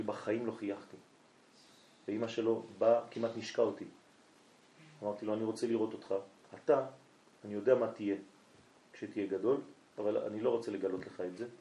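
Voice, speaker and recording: A man's voice: lowish voice, warm tone. A man, a rabbi, telling a story during a night lesson and acting out both sides of a conversation. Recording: echoey room.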